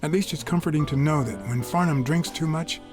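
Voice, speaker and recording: A man's voice: on the high side, fairly quick, lightly acted. An actor playing a wry male cat private detective, talking in a dry, understated inner monologue. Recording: game audio with faint music.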